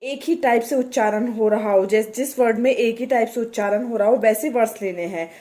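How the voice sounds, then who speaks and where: A woman's voice: on the high side, dark tone. Hindi-speaking woman tutor sounding out words. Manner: slow, sounding out English words letter by letter; repetitive and loose, with many fillers. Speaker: home tutor. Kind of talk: casual teaching explanation.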